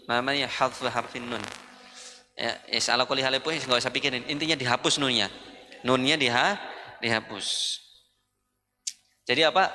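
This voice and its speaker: A man with an Indonesian accent teaching an Arabic grammar class, drilling phrases slowly with his students. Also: mid-range voice, bright, forceful tone. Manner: slow, drawn-out drilling with students. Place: mosque hall. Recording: long hall reverb.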